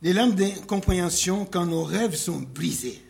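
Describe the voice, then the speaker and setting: A man preaching a sermon, slow and emphatic, reading scripture aloud and asking rhetorical questions. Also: high-pitched, expressive, creaky, a little mellow.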